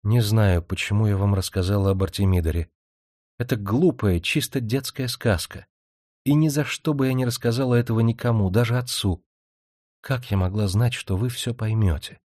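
A man voicing a gentle, reserved young woman in an audiobook, speaking softly and hesitantly. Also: on the low side, moderate pace, no echo, studio quality, lightly acted. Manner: soft, hesitant, quietly earnest. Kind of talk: audiobook character reading.

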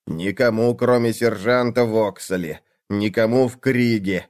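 A man's voice: on the low side, measured pace, a little mellow, smooth, dry recording, clean studio sound, lightly acted. A man voicing a frightened, pleading quartermaster who whines in an audiobook. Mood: pleading fearful. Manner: whining, pleading. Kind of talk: audiobook character voice.

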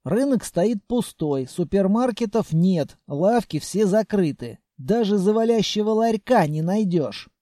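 A man reading an audiobook with an ironic, animated delivery. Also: high voice, a little slow, few pauses, dry recording, clean studio sound. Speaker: audiobook narrator. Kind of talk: scripted narration.

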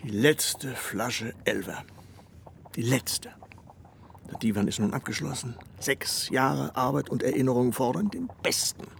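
An actor playing Goethe as an ageing, opinionated, self-important poet on a coach journey, musing and grumbling aloud in a Hessian accent in a radio drama. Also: male voice, medium pitch, a little slow, creaky, slight background noise. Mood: wistful. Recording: music behind the voice.

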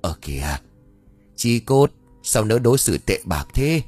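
A man voicing an old male village ritual master, gruff and blustering, afraid of his wife. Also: mid-range voice, big pitch swings, a little slow, a little mellow, faint music behind.

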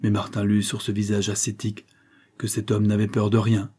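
A man narrating a novel as an audiobook, in a measured, even storytelling manner. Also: lowish voice, husky.

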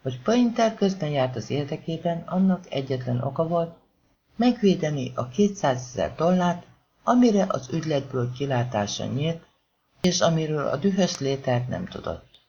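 A man narrating an audiobook in a scripted, expressive reading. His pitch rises and falls a lot across each sentence. The recording sounds somewhat dull and lo-fi. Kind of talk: scripted narration of a crime novel.

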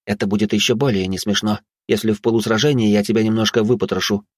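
A man's voice: on the low side, steady tone, quick pace, no room sound, clean studio sound, natural voice. A man voicing a coy fox-spirit girl. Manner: coy, teasing. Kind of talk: audiobook character voice.

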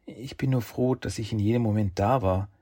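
A man's voice: fairly low pitch, brisk, slightly rough. A man voicing a kind, caring young woman in an audiobook. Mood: warm. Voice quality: raised, soft voice.

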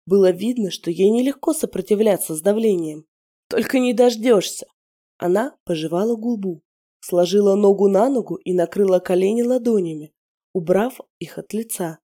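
Woman narrator with a mellow voice. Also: medium pitch, moderate pace. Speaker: audiobook narrator. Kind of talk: scripted first-person narration.

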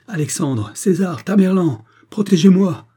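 A man's voice: lowish voice, flat delivery, normal speed, dark tone, breathy edge. A man voicing a delirious old male spiritualist in an audiobook, crying out in frantic, pleading terror.

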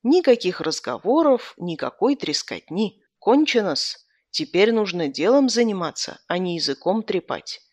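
A woman's voice: mid-range voice, sing-song, moderate pace, hardly any pauses, a little mellow, no room sound. A woman voicing a retired army captain, a pompous and befuddled father. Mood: blustering. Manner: pompous and blustering.

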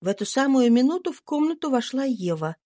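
A woman reading a classic novel aloud in even, measured storytelling. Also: high-pitched. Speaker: audiobook reader. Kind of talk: scripted narration of a classic novel.

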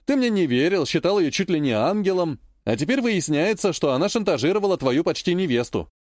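A man's voice: a little high, very animated, brisk, a little mellow, no echo, studio quality. Man doing a brash tipsy schemer, pushy, voice jumps up and down a lot. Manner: insistent, mock-innocent. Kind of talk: audiobook character voice.

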